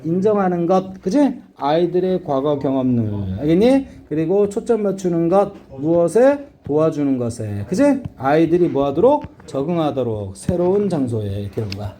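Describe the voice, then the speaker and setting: A man's voice: on the high side, big pitch swings, mellow. A middle-aged man teaching an English reading lesson, blunt and casual, constantly asking his students whether they understand. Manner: checks understanding constantly with quick questions. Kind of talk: classroom lecture.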